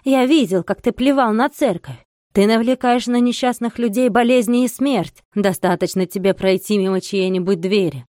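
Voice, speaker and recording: Woman voicing a furious fanatical monk, shouting curses, loud and high, dry close sound. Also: normal speed, no echo, lightly acted. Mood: raging, accusing.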